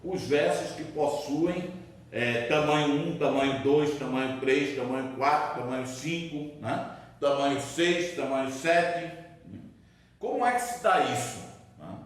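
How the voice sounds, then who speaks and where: A man's voice: a little high, measured pace. A man teaching a literature lesson, explaining step by step and checking in often with tag questions. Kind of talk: distance-learning lecture. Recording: very echoey room, mic far off.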